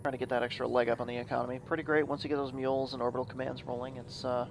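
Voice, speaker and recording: A man with a gravelly, fry-laden voice co-casts a live esports match, enthusiastic and quick to laugh. His pitch sits in a middle range, and faint ambience hums behind him. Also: little pitch movement, background noise. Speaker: esports co-caster. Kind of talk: live game commentary.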